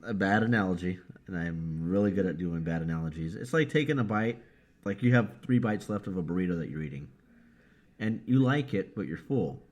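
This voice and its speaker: A man with a low, slightly mellow voice talks briskly and animatedly while co-hosting a wrestling podcast. His casual chat is rambling and self-mocking, punctuated by easy laughter.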